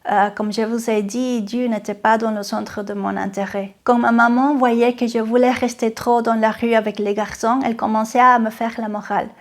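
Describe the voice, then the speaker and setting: A woman's voice, on the high side and with little pitch movement, delivers a personal testimony to camera. She's from Venezuela and has a Venezuelan Spanish accent. Her manner is earnest and unhurried, marked by frequent hesitations and restarts, over faint music.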